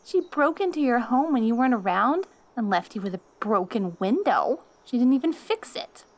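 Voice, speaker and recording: High-pitched, jealous, sweet-talking catgirl. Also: expressive, normal speed. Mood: jealous, boastful. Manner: jealous, bickering, cutesy sweet-talk to a lover. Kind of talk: audio role-play acting.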